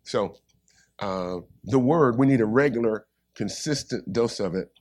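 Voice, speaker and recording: A man preaches a sermon at a medium pitch. He hammers points home by repeating them and calls out to the congregation for an answer. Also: unhurried, a little mellow.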